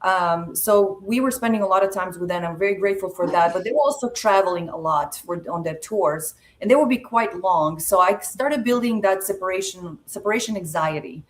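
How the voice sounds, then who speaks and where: A woman in her forties from Serbia, a podcast guest telling her life story in a measured, reflective way with frequent pauses. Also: medium pitch. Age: 40s. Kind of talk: personal storytelling interview.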